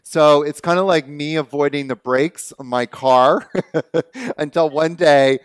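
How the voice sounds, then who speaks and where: A man's voice: fairly high pitch, unhurried, clean tone, dry recording. Canadian male webinar host, easygoing and chatty; clean, resonant voice with a dry close mic. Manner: relaxed, chatty, laughs easily. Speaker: webinar host and movement teacher. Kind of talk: casual online webinar talk. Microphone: video call.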